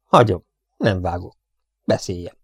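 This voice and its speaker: A man's voice: low-pitched, lively intonation, breathy edge, no echo, studio quality, heavily acted. A man voicing a cheeky, mocking young male rogue in a storybook reading. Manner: sarcastic.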